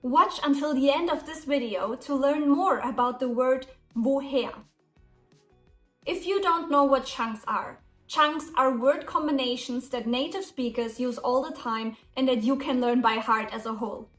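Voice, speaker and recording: Slow high-voiced woman teaching German. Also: fairly bright tone. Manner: slow, careful explanations. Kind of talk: English lesson with German example dialogues. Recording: echoey room, music behind, mic at a distance.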